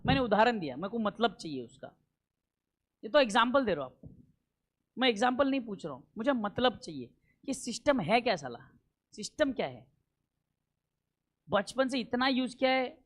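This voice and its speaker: A man teaching a classroom lecture, emphatic and repetitive, often checking that students follow and slowing down for key English terms. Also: very high-pitched. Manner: emphatic, repeats points and keeps checking understanding.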